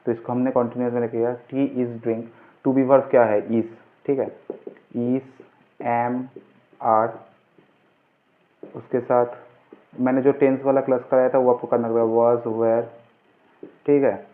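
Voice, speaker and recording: Slow and pausing often, this man's mid-range voice barely moves in pitch as he tutors grammar informally. He's instructive, raising questions and answering them on his own. The audio sounds narrow-band and muffled, like a phone call.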